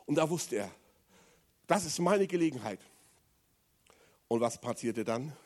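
A man preaching a sermon, speaking straight to the congregation with questions and moving between loud emphatic passages and low, quiet stretches. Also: lively intonation, measured pace. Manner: addresses the congregation directly with questions.

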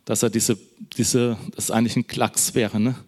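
A man preaching a sermon in a conversational, encouraging way, addressing the listeners directly and tagging many sentences with a quick question. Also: lowish voice, little pitch movement, darkish tone.

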